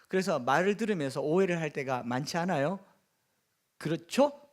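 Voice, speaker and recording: A man's voice: on the high side, animated, moderate pace. A middle-aged man from the Gyeongsang region, a pastor with a Gyeongsang Korean accent, preaching a sermon earnestly with humorous asides. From Gyeongsang region, South Korea.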